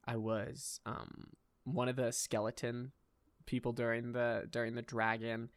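A young man in his twenties hosting a casual podcast chat, animated, laughing often and filling his talk with "like" and "dude". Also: medium pitch, unhurried, no echo. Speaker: podcast host.

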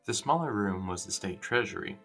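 A man with a very low voice reads facts aloud in a school presentation. He keeps a plain, even delivery. Faint music sits behind him. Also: brisk, gravelly. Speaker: class presenter.

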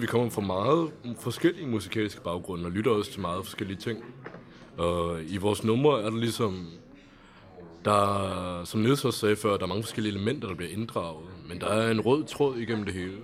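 A Danish man, a band member, answering interview questions at length in a thoughtful, casual way. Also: low voice.

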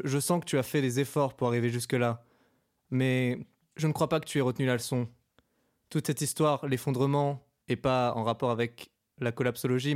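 A man's voice: medium pitch, darkish tone, lightly acted. Grandiose enigmatic stranger, male, pompous, played by a man.

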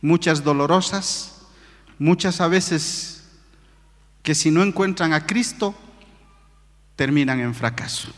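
A man's voice: on the high side, takes it slowly, pauses often. A man preaching a sermon in a church, telling a personal testimony with fervent, emotional storytelling. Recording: church hall reverb.

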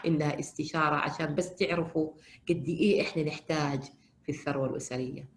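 A woman counselor gives a lecture, retelling counseling cases at a brisk clip. She acts out the people she quotes, jumping suddenly high in pitch. Her delivery is lively and full of storytelling. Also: a little hiss or hum. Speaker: family counselor giving a lecture. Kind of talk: lecture with retold counseling stories.

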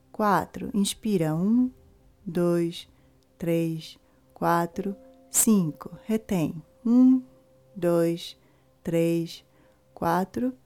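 A woman instructor leading a guided breathing meditation, slowly counting breaths with pauses between the numbers. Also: on the low side, dark tone. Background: music.

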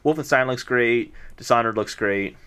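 Bright-voiced man chatting about games. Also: mid-range voice, normal speed, clear, resonant tone. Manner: relaxed, explanatory, with fillers. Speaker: podcast co-host. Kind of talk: casual chat.

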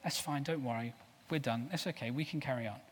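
A man preaching a sermon with passion, swinging from loud declarations to soft, low asides. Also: fairly quick, slight background noise. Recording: long hall reverb.

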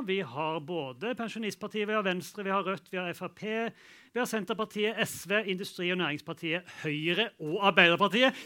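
A man moderating a live public panel debate, briskly reading out audience questions and joking with the panel. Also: sits high, pushed and bright.

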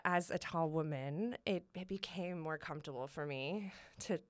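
A woman with vocal fry chatting casually and candidly as an interview guest, in an informal, rambling way peppered with "like". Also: sits low, normal speed, no room sound. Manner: informal, rambling, heavy use of "like". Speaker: interview guest, blogger and social media creator.

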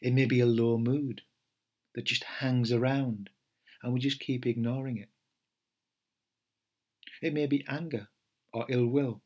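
A middle-aged man, a meditation teacher giving a gentle, unhurried podcast talk with fillers and restarts. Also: medium pitch, fairly even intonation, slightly rough.

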